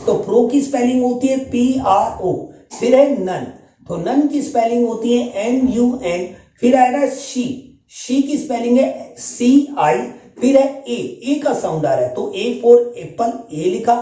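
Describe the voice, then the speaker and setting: A man teaching English spelling in Hindi, breaking each word into sound parts and repeating them slowly. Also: high-pitched, mellow, roomy sound, low-quality recording. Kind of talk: spoken lesson.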